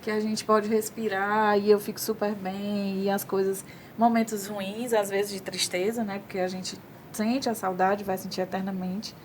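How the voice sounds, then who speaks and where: A woman's voice: mid-range voice, flat delivery, normal speed. A woman with a Northeastern Brazilian accent, speaking in a reflective, affirming way as a talk-show guest. Her voice sits mid-range, with a faint hiss of noise behind it. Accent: Northeastern Brazilian Portuguese. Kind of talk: casual talk-show chat.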